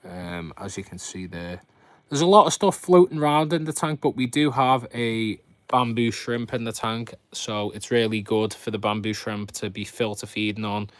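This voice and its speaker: In a relaxed live stream, a man walks viewers through his fish tanks, rambling in chatty commentary and speaking to them directly as the show's fishkeeping host. He has a lowish voice and a moderate pace, and the recording is dry.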